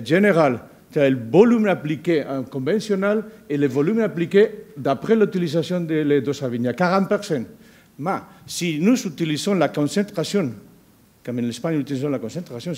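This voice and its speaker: A non-native speaker from Spain with a Spanish accent, this man gives a conference presentation as a researcher, halting and searching for words in foreign-accented speech. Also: fairly high pitch, darkish tone. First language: not a native French speaker. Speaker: university researcher giving a presentation.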